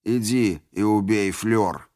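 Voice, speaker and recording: A man reading an audiobook voices a fat, mocking male villain who gives orders slowly and coldly. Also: lowish voice, warm tone. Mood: cold commanding. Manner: slow, cold and commanding.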